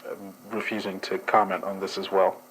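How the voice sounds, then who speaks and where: This deep-voiced man has a flat delivery, a moderate pace, a fairly bright tone and a breathy edge, all on a low-quality recording. He plays a formal, guarded male agent who analyses dreams, giving a hesitant in-character report in stiff bureaucratic terms during an actual play.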